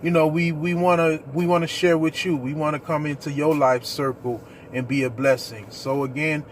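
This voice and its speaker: A man's voice: fairly high pitch, level tone, moderate pace, a little hiss or hum. A man leading a ministry, talking earnestly and preacherly straight to his viewers about his own experience. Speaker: ministry leader. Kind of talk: personal testimony vlog.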